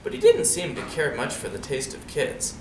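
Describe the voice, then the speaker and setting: At normal speed and medium pitch, a man reads a picture book aloud for children, expressive and casual, checking in with them through questions and offhand remarks. Background noise is clear on this roomy, distant-mic recording.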